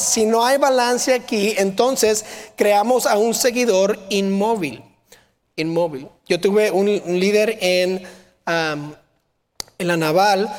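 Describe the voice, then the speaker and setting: Male preacher with a high voice, preaching in a large hall with a long reverb, asking his listeners questions. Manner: rhetorical questions to the audience; shouting impressions of a drill sergeant. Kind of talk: sermon.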